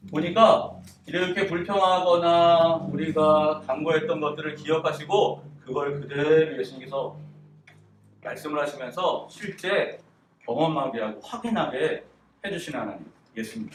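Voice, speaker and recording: Man, children's sermon, quizzes kids, high-ish voice, roomy church sound from a distance. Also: moderate pace. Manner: animated, asks children questions, acts out quotes. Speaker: children's worship preacher. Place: church room. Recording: echoey room, distant mic, faint noise.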